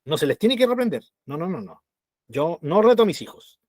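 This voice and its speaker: Guy putting on a mom who won't scold her kids, insistent, lively voice. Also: fairly low pitch, fairly quick, dry recording, studio quality. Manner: insistent, repeating no.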